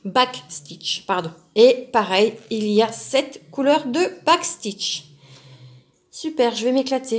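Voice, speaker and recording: Female crafting host, slightly raised pitch, casual rambling unboxing chat full of fillers. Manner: chatty and self-talking, musing aloud with many fillers.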